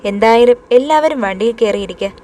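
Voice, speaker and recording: A grumbling young man who complains loudly and shrugs off danger, as a woman storyteller puts him on. He sits a touch high for a man, in a storybook horror tale. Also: fairly quick, a little hiss or hum, close to an everyday voice.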